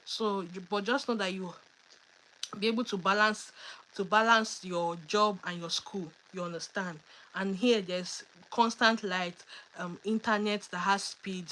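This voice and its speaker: A woman's voice: medium pitch, a little hiss or hum, poor audio. Chatty woman hosting a livestream. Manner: chatty, reads viewer questions aloud; animated, emphatic, teasing asides. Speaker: livestream host. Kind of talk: casual livestream Q&A.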